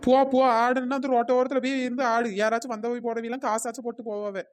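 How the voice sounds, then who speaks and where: A fed-up young snack seller in a cartoon, voiced by a woman, high-pitched and fast. She scolds and grumbles at customers who never pay. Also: flat delivery, natural voice. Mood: chiding. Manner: scolding, complaining. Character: young woman stall keeper, fed-up and sharp-tongued. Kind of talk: cartoon voice acting.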